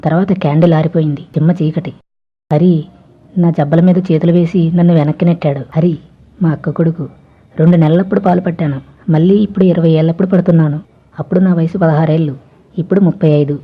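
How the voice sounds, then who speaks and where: Low-voiced woman telling a story. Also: fairly even intonation, fast talker, slightly rough. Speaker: narrator. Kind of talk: first-person story narration. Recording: dull lo-fi recording.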